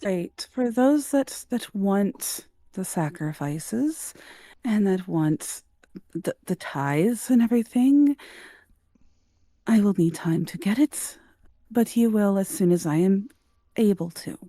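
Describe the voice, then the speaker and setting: A woman's voice: mid-range voice, animated, slow pace, warm tone, no echo, clean studio sound. A woman voicing a humble, grateful priestess who speaks politely and hesitantly. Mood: earnest. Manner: deferential, hesitant.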